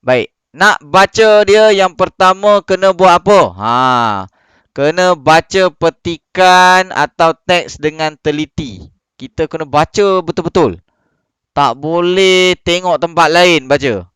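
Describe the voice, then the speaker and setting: A Malaysian man teaching young pupils over a video call, patient and questioning, reading slowly. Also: high-pitched, fairly bright tone, smooth, no echo. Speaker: primary school teacher. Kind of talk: online class lesson.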